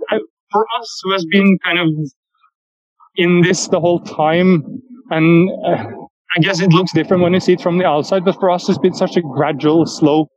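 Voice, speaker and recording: A musician, answering interview questions over a low-quality earbud mic call stream in a thoughtful, halting way with many fillers. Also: male voice, dry recording. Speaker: musician guest. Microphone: earpods while walking outdoors. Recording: dull dry lo-fi call audio.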